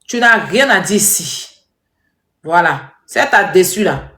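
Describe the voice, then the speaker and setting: A woman giving animated, scolding commentary straight to her viewers. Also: on the low side, measured pace. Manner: animated, scolding, repetitive, addresses viewers directly. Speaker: social media commentator. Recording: echoey room.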